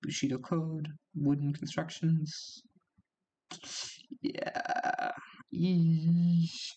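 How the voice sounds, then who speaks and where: A man's voice: a little high, level tone, very slow, mellow, muffled recording. A man casually commenting as he plays a strategy game, reacting aloud with small gasps and laughs as things happen. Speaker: gaming YouTuber.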